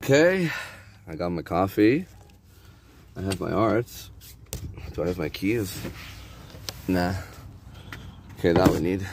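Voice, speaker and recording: A man with a deep voice vlogs from his phone in the driver's seat. He rambles about spiritual things, mutters to himself and gets excited in bursts. A faint hiss sits under the recording. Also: measured pace, long pauses. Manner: spiritual, excitable, talks to himself while driving. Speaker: vlogger. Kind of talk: rambling self-filmed vlog. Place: in a car at a drive-through. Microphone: phone held in a car.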